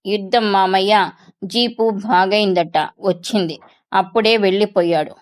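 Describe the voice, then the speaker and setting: A woman's voice: medium pitch, fairly even intonation, moderate pace, close to an everyday voice. A woman voicing a caring mother who scolds and soothes her young son, in a plain read-aloud character voice. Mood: tender, scolding. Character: caring village mother, scolding yet tender.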